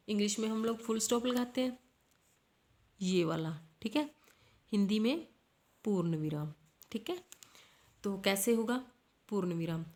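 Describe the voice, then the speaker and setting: Woman teacher doing a grammar class, patient, reads examples slow. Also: mid-range voice, a little mellow. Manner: explains patiently, keeps checking with "ठीक है"; reads example sentences slowly. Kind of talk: Hindi grammar lesson.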